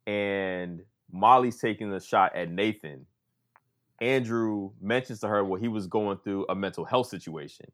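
Lively man recapping a tv show. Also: lowish voice, a little slow. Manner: animated, acts out quotes of others. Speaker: podcast co-host. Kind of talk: casual chat.

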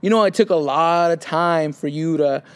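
Animated young man telling stories. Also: fairly high pitch, moderate pace, clean tone. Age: young adult. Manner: animated storytelling, acts out quotes. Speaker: podcast co-host. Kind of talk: casual chat.

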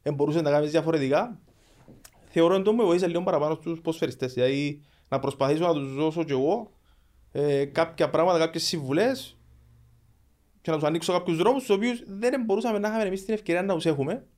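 Higher-pitched Greek Cypriot man in his thirties. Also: a little mellow. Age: 30s. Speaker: podcast guest, football agent. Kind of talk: conversational interview.

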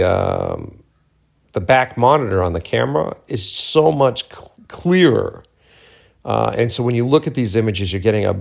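Low, gravelly man chatting candidly. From Cape Cod, Massachusetts, USA. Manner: candid, profane, full of slangy asides. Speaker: filmmaker hosting a personal audio journal. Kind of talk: casual rambling monologue.

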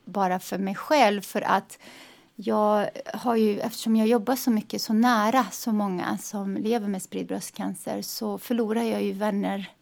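A woman speaking calmly and reflectively in a casual conversation, taking long measured turns. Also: medium pitch, vocal fry. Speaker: guest.

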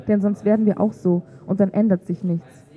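A woman reading the lines of a bold, loud, restless young woman, barely acted. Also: medium pitch, fairly even intonation, normal speed, natural voice. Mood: urging. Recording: tinny phone-like sound.

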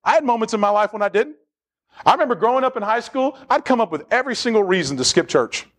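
Animated high-voiced male pastor preaching. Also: fast. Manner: animated preaching, call-and-response with the congregation. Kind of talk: sermon. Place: church sanctuary.

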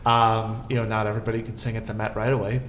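A middle-aged-sounding man, a guest co-host on a theater podcast, chats casually on a panel and thinks aloud in a rambling way. His voice is lowish and fairly bright, with a level tone and a quick pace. The room has a roomy echo and faint background noise.

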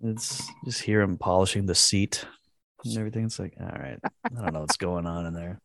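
A man's voice: low-pitched, a little fast, gravelly, fairly bright tone, no echo. Crude joking man reading a post. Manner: crude joking, laughing often. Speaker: podcast co-host. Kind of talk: casual chat, reading a post aloud.

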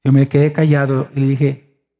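A man's voice: medium pitch, completely flat delivery, moderate pace, dark tone. A pastor in his forties preaching a sermon, emphatic and full of rhetorical questions to the congregation.

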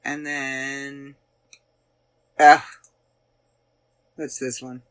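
A woman's voice: a bass voice, little pitch movement, very slow, clear, resonant tone. A Canadian woman in her forties with a Canadian accent, hosting a podcast and chatting casually about past episodes, rambling and searching aloud with many fillers. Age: 40s. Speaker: podcast host. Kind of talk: casual chat looking back on past episodes.

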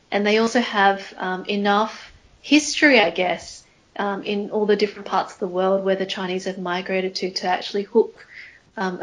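A woman's voice: medium pitch, low-quality recording. Aussie woman rambling about a movie, lots of ums, easygoing chat. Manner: chatty, many ums and likes. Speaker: podcast co-host. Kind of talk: casual film discussion.

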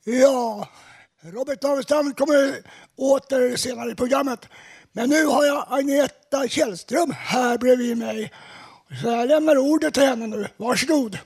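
Loud high-voiced man announcing, off-mic. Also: fairly even intonation, vocal fry, husky. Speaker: presenter. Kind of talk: introducing the next speaker.

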